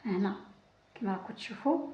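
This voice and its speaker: A woman's voice: mid-range voice, animated, fast, dark tone. A woman with an Algerian Arabic accent hosts a casual crochet tutorial, talking through her work with frequent restarts and counting. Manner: talks while working, many restarts and counting. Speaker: crochet channel host. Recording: roomy, dull lo-fi sound.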